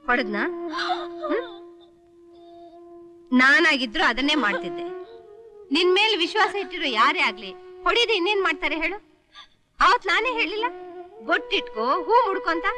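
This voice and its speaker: A woman's voice: very high-pitched, big pitch swings, moderate pace, pauses often. An actress playing a middle-aged mother who scolds her son and consoles her daughter-in-law, firm but caring. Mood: lecturing. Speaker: film character. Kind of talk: melodramatic film acting. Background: film score music.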